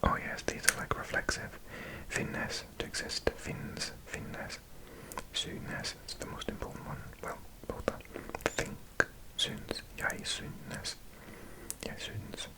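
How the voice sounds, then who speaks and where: A man whispering softly in a slow ASMR study session, thinking aloud close to the microphone as he sounds out words. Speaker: ASMR creator.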